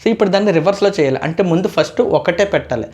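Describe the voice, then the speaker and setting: A man's voice: high-pitched, lively intonation, fast, darkish tone. A man giving a casual, opinionated episode review as a show reviewer, chatty and mixing in English phrases.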